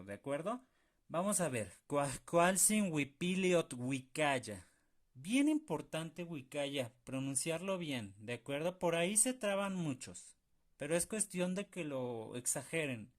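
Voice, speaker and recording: A man teaching pronunciation for a song in a slow, patient video lesson. He drills syllables one at a time and keeps checking in with his learners. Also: a little high.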